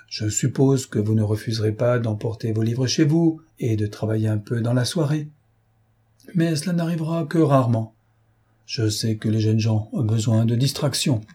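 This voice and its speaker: A man's voice: medium pitch, mellow, slightly rough, close to an everyday voice. A man reading an audiobook, voicing a pompous, stingy older male scholar who lectures his young assistant. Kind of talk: audiobook character voice.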